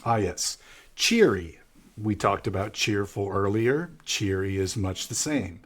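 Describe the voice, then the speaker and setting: A man's voice: on the low side, lively intonation, measured pace. A man with an American accent teaching English vocabulary, patiently explaining each word and repeating the key ones. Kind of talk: vocabulary lesson.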